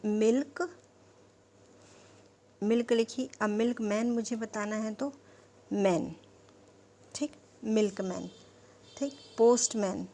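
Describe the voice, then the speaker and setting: A woman's voice: medium pitch, darkish tone. A woman teacher patiently explaining punctuation, spelling words out and often checking with "okay?". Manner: repeats "ठीक" and "है ना" to check understanding; slow, patient explaining with fillers. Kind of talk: classroom lesson on punctuation.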